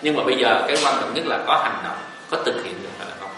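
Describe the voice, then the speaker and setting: A man's voice: medium pitch, expressive, very fast, pushed and bright. A man, giving a joking, folksy Buddhist dharma talk. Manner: folksy, joking, rising and falling emphasis. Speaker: Buddhist teacher. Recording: echoey room, voice from a distance, faint hiss.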